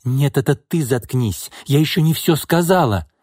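A male narrator voicing a distraught young female secretary who bitterly accuses her boss, speaking slowly and with emphasis. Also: fairly high pitch, expressive, warm tone, breathy edge, no echo, clean studio sound, pitched above the performer's own voice.

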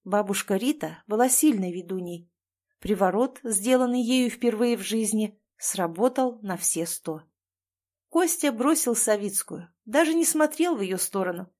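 Brief: woman narrator, mid-pitched voice, measured and steady storytelling.

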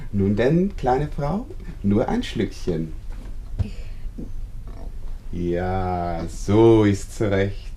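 A fussy village neighbor gushes with effusive politeness in a mellow, dark voice. He rambles on ingratiatingly, in an old radio play with a faint hiss. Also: on the low side, expressive, drawn-out words, pauses often. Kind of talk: 1950s-style radio drama acting.

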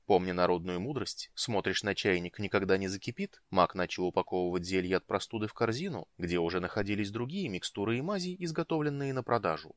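A man reading a fantasy audiobook as narrator, in an expressive, measured manner. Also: deep voice, no room sound. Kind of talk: scripted narration.

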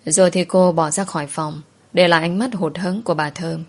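Solemn, low-voiced woman narrator. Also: fairly even intonation, fairly quick, a little mellow. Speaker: storyteller. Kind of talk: scripted story narration.

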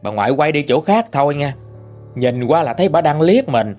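A Southern Vietnamese man narrating a ghost story in a chatty, colloquial style, his pitch rising and falling a lot. His voice sits a little high for a man, over faint background music. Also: expressive, normal speed, darkish tone. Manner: chatty, colloquial folk telling.

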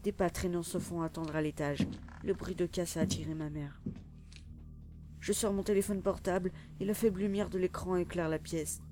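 A man's voice: high-pitched, fairly even intonation, moderate pace, background noise. A man narrating a first-person audio drama in a tense, urgent way. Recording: loud music under the voice.

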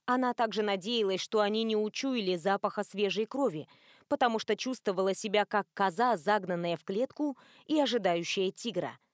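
A woman reading an audiobook as narrator in an even, clear storytelling manner. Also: mid-range voice, normal speed, no room sound, clean studio sound. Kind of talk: scripted narration.

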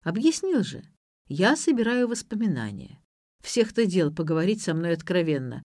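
A woman's voice: lowish voice, very animated, normal speed, darkish tone, no room sound, studio quality. A woman voicing a cold, demanding man speaking on the phone, curt and commanding.

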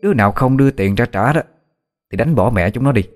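A man voicing a shrill, cruel middle-aged woman, the wife of a village official, who bosses and threatens the villagers in a told story. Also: fast, soft background music, lightly acted. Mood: furious. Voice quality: shrill, shrieking. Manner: bossy, mocking and threatening.

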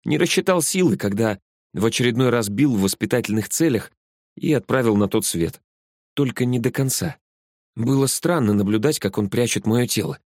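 A man reading an audiobook, voicing the ghost of a little dead girl who speaks quietly and calmly. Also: medium pitch, normal speed, no room sound, studio quality. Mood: sad calm. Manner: quiet, half-whispered.

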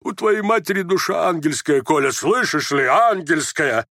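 A man voicing a distraught old drunken army general who rants in slow, stammering, theatrical exclamations. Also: on the high side, expressive, a bit bright, no echo, clean studio sound, voice pushed up. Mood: wailing. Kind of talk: audiobook character voice.

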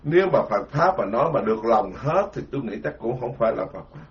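A man's voice: medium pitch, sing-song, quick pace, a little hiss or hum. A man giving a sermon as a Buddhist monk, colloquial and self-mocking. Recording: dull lo-fi sound.

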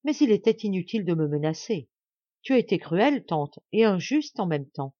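A woman's voice: lowish voice, sing-song, normal speed, dark tone, no room sound, highs cut off. A woman reading a novel aloud, voicing a proud and cunning young noblewoman who speaks coldly and with control. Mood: reproachful. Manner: cold and controlled, then coaxing.

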